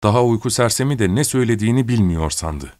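A man narrating a story aloud in a measured, steady reading voice. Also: lowish voice, no echo, studio quality. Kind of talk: scripted audiobook narration.

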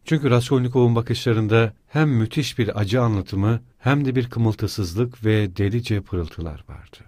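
A man narrating an audiobook in an expressive, measured reading. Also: medium pitch, no room sound, clean studio sound. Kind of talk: scripted narration.

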